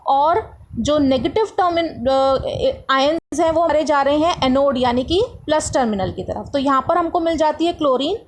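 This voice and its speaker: High-pitched woman tutoring chemistry. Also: moderate pace, low-quality recording. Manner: explains step by step with rhetorical questions. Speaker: science tutor. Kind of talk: classroom lesson explanation.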